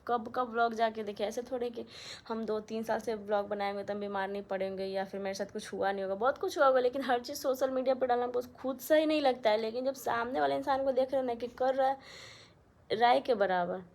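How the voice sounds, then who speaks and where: A woman's voice: a little high, fairly even intonation, quick pace, a little mellow. Chatty young woman vlogging from home. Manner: chatty, aggrieved, speaks straight to viewers. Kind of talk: casual vlog chat to viewers. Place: small room at home, fan switched off. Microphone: phone camera held close.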